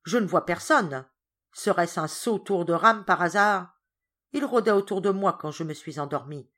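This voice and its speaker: A woman's voice: lowish voice, sing-song, moderate pace, slightly rough. A woman voicing an angry, spoiled schoolboy who speaks indignantly, in a storybook reading. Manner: shouts indignantly.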